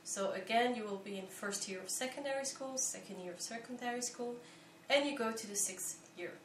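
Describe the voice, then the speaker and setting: A young Belgian woman, a volunteer being interviewed, gives explanatory answers in a calm, careful, thoughtful way, often pausing and using fillers as she picks her words. Her voice is a little high and was captured from a distance in a roomy, echoey space. A faint hiss of background noise runs beneath it.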